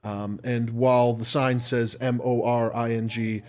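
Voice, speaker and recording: A man narrating as game master in a tabletop game, describing scenes in an unhurried, descriptive way. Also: medium pitch, little pitch movement, darkish tone, clean tone.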